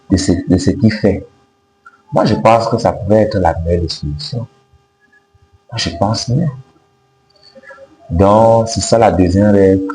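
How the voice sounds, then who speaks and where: Guy with in giving life advice, slow and mellow, echoey room w faint hum. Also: sits low. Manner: emphatic, repetitive, didactic. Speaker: self-help video host. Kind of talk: motivational advice to camera. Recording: roomy echo with faint noise and hum.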